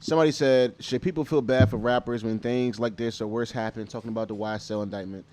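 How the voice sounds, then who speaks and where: A man co-hosting a podcast in casual chat, with a relaxed delivery. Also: mid-range voice, quick pace. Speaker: podcast co-host.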